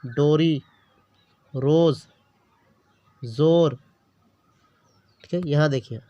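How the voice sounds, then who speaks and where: A man teaches Urdu to a beginner in a mid-range, slightly mellow voice, carefully sounding out one letter or word at a time. He says each word more than once and keeps checking on his learner. The recording is dull and lo-fi.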